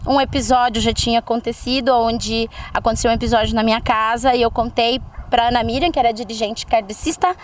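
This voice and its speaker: High-voiced Brazilian woman telling her story. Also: a little fast, few pauses, a little hiss or hum. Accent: Brazilian Portuguese. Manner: lively storyteller who acts out quoted dialogue. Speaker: interview guest. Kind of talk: personal testimony told conversationally.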